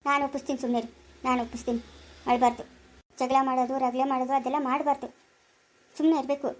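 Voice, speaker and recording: A woman playing a calm elder sister who firmly soothes her crying sibling, speaking in a rural Karnataka Kannada accent in an amateur family drama. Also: high-pitched, fast. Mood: soothing. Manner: coaxing, firm, repetitive.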